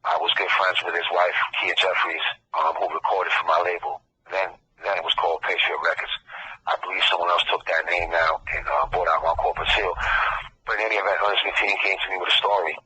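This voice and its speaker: A man's voice: deep voice, steady tone, brisk, sharp tone, slightly rough. A middle-aged man from Queens with a New York accent, earnestly telling his own detailed story as testimony on a prison phone call.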